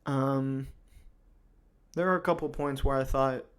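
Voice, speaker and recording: A man's voice: mid-range voice, fairly even intonation, unhurried, clear, resonant tone. A man hosting a casual wrestling recap, talking loosely with lots of fillers and restarts. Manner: rambling, many fillers and restarts.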